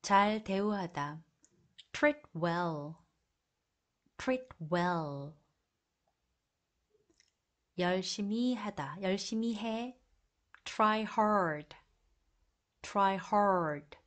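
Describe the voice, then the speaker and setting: Very slow woman reading a vocabulary drill. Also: medium pitch, lively intonation. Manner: slow, deliberate repetition of each phrase. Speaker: English teacher.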